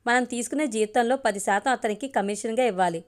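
A woman's voice: fairly high pitch, brisk, lightly acted. A woman reading as a gossipy security guard. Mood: confiding.

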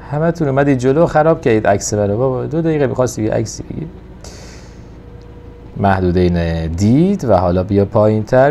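A man giving casual, excited commentary over a mobile truck game, coaxing the truck along. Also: fairly low pitch, vocal fry, slight background noise. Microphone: phone recording.

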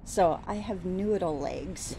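A vlogger in her thirties talks slowly in a lowish voice on her walk-and-talk vlog, rambling casually with lots of fillers and restarts. She films on a phone at arm's length outside a store during the day, and traffic noise fills the outdoor recording.

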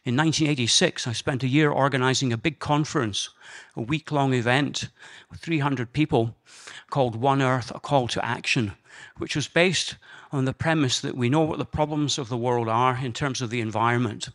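An older Scottish man speaks to a conference audience, telling his personal story in an earnest, measured way. His voice is of middling pitch for a man. He talks into a handheld microphone in a conference room. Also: fairly bright tone. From Scotland.

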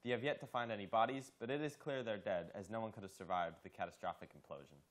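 Fast, low-pitched teen boy reporting news. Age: teens.

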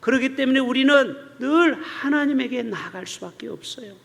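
A male pastor preaching a sermon to his congregation. He swings between loud, emphatic bursts and hushed, low asides. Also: normal speed, vocal fry, a little hiss or hum. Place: church sanctuary. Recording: long church hall reverb.

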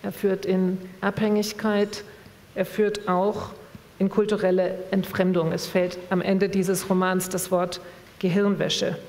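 A woman reading from a novel in a measured, expressive way, then asking an author a question at a public reading event. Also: mid-range voice. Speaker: reader and moderator. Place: event hall. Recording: long reverb of a hall.

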